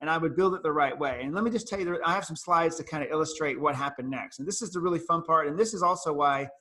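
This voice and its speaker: A man giving a talk at a business luncheon, telling his story in a lively, animated way and acting out the lines he quotes. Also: fairly high pitch, fast. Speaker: featured speaker.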